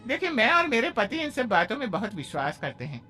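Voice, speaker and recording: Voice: medium pitch, wildly swooping pitch, a little fast, bright, forceful tone, faint music behind, voice pushed up. A woman voicing a superstitious, disapproving groom's mother in a cartoon story, blunt and haughty.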